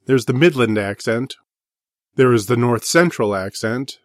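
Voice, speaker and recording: A man with an Inland North American accent giving a scripted book review, measured and slowing down to sound out example words. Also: medium pitch, lively intonation, no room sound, clean studio sound.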